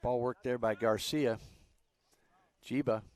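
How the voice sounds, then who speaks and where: A man doing live play-by-play commentary on a youth soccer match, relaxed and chatty with frequent fillers. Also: medium pitch, slow pace.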